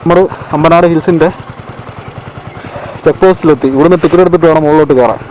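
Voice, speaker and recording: On a motorbike along a hill road, a higher-pitched male motovlogger chats casually with viewers, mixing English words into his Malayalam, exclaiming in slang and often asking them how it is. His intonation is fairly even, his pace quick, his tone a little mellow. Vehicle noise fills the noisy outdoor recording.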